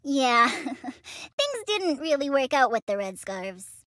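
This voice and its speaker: A woman's voice: high voice, very animated, slow pace, pushed and bright, dry recording, studio quality, full character voice. A woman voicing a brash, playful young wildcat kid sister in a video game. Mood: guarded.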